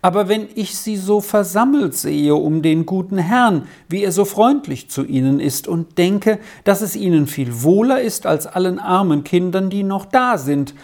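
A woman's voice: fairly low pitch, animated, moderate pace, few pauses, darkish tone. A woman voicing a poor grieving mother in a storybook, plaintive and tearful. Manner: plaintive, sobbing.

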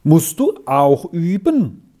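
A narrator voicing an eager, talkative little girl who plays the piano, with a raised, lively voice. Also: medium pitch. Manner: bright, talkative, quick to explain. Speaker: child musician.

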